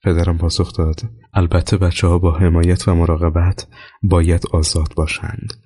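A man reading wartime memoirs aloud as an audiobook narrator, measured and even, slowing down for each chapter heading. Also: low-pitched, breathy edge.

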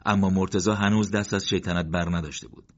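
A man narrating a war story in a steady, even reading style, on a dull lo-fi recording. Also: low-pitched. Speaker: audiobook narrator. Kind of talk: scripted narration.

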